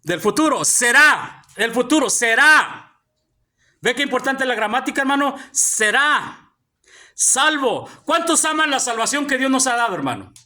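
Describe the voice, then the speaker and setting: A man's voice: very high voice, big pitch swings, brisk, hardly any pauses, bright, forceful tone. A male pastor preaching a sermon to his congregation in a church hall, constantly calling out to his brothers. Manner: preaching with frequent calls of "hermano" to the congregation.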